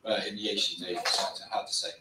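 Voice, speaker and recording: A man's voice: lowish voice, little pitch movement, fast talker, noisy background. A man adding brief informative asides at a small meetup in a meeting room. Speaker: co-presenter showing pictures. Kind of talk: casual lecture comments. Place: meeting room with projector screen. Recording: echoey room from far off.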